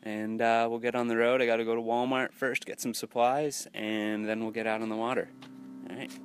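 A man's voice: medium pitch, little pitch movement, a little fast, clear, resonant tone. A young man talking casually to an action camera outdoors by the water, rambling and hesitant with many ums. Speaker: fishing vlogger. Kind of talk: casual vlog narration. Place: outdoors by a lake and in a boat. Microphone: action camera at arm's length.

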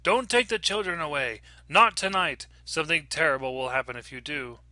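A man's voice: mid-range voice, normal speed, sharp tone, dry recording. A man voicing an eerie grey-faced woman who delivers urgent, pleading warnings. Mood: frantic.

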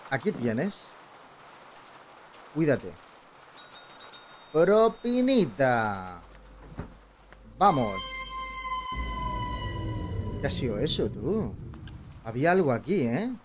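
A man's voice: medium pitch, big pitch swings, slow pace, long pauses, faint music behind. A man from Spain with a Spanish accent doing playful, casual gameplay commentary, chatting to himself and reading dialogue aloud. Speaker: gaming video host. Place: indoor streaming setup. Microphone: close desk boom microphone.

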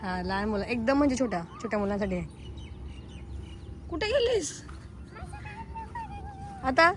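A woman's voice: very animated, measured pace, noisy background. Chatty woman filming a park vlog. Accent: Marathi. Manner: chatty, coaxing a small child, often calling out high. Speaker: vlogger. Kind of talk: casual vlog narration to viewers. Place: outdoor park with playground. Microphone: handheld camera.

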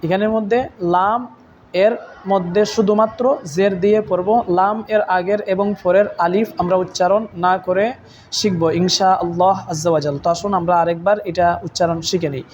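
A man teaching Quran recitation in a slow, step-by-step lesson, spelling Arabic letters syllable by syllable and repeating points for learners. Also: sits high, fairly even intonation, darkish tone, slight background noise.

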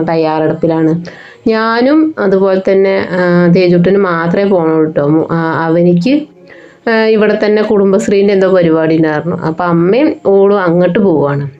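A woman, a mother narrating her family vlog in a chatty, homely way. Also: on the low side. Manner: chatty, homely storytelling with frequent fillers. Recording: slightly dull lo-fi sound, faint music behind.

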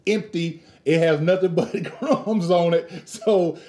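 A man's voice: high-pitched, slow, warm tone. A middle-aged man chatting casually and playfully as he hosts a snack review at home. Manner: joking, playful, chuckles as talking. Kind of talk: casual food review chat. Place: living room at home, indoors.

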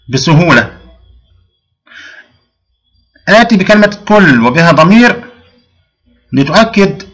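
A man's voice: a little high, fairly bright tone. A male grammar teacher. He explains a lesson step by step, asks his pupils questions, answers them himself, and often restarts his sentences. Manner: frequent restarts and drawn-out fillers. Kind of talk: recorded classroom lesson.

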